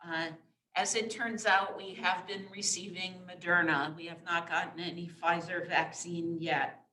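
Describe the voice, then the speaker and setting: A woman presents informally on a webinar through a face mask. Her voice is bright and forward, yet it comes from away from the microphone in an echoey room. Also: lowish voice, steady tone, a little slow. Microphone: distant microphone. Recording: roomy echo, distant microphone.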